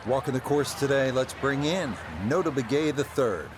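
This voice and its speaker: A man commentating on golf in a measured, descriptive announcer's delivery. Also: mid-range voice, noisy background.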